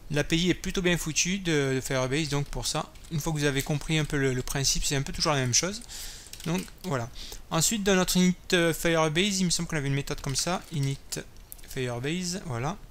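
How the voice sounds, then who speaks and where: A man's voice: on the high side, brisk, fairly bright tone, a little hiss or hum. French man thinking aloud through code. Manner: thinking aloud while typing, many fillers and self-corrections. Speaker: coding tutorial host. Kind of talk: screen-recorded coding tutorial. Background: keyboard typing and clicks.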